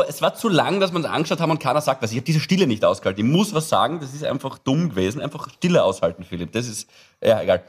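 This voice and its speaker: A young man with an Austrian German accent, co-hosting a podcast and telling self-mocking stories in an expressive, chatty way. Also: medium pitch, breathy edge. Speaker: podcast co-host. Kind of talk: casual chat.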